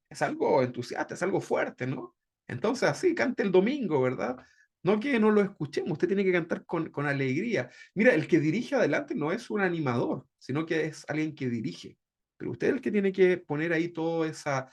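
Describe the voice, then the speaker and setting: A man's voice: on the high side, gravelly, breathy edge. A man teaching a Bible discipleship class in a conversational way, often checking in with "¿verdad?". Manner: conversational, keeps asking "¿verdad?".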